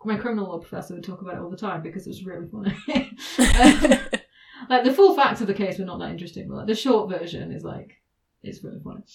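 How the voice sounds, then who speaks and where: A woman's voice: mid-range voice, fast, vocal fry, darkish tone, poor audio. Woman, podcast host, casual legal explainer, giggly and filler-heavy. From United Kingdom. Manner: chatty, laughs often, many ums and restarts.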